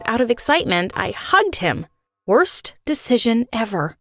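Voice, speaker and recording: A woman's voice: a little high, sing-song, normal speed, a bit bright. A woman narrating a dramatic personal story in a scripted, earnest way.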